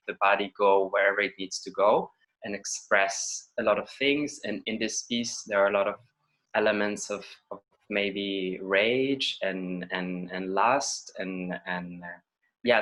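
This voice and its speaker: An Israeli man with an Israeli accent, a choreographer and dancer, answers interview questions introspectively, searching for his words in a lowish, slightly bright voice. The recording is low quality.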